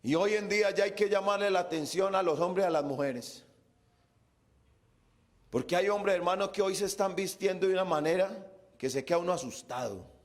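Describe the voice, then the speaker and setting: A male pastor preaching a sermon, swinging between shouted exhortation and low, quiet pleading with the congregation. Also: normal speed.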